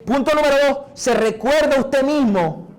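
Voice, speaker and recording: A middle-aged Venezuelan man preaching a sermon as pastor, conversational, dropping softer to act out prayers. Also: very high-pitched, moderate pace. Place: church.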